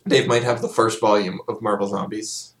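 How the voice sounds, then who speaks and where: A man's voice: fairly low pitch, steady tone, moderate pace, fairly bright tone. A man hosting a podcast, chatting casually and rambling with fillers and restarts. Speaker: podcast host. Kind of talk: casual chat.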